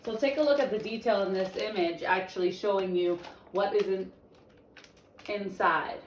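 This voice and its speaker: In an echoey room with slight background noise, a young woman teacher reads a picture book aloud to children in a medium-pitched voice at a moderate pace. Her expressive storybook reading keeps pausing for chatty explanations.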